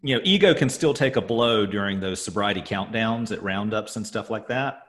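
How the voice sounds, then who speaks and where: A man co-hosting a podcast in casual chat, his voice echoing around an empty office, talking in halting, rambling stretches full of fillers. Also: lowish voice, fairly bright tone. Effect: echoey sound from an empty office. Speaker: podcast co-host.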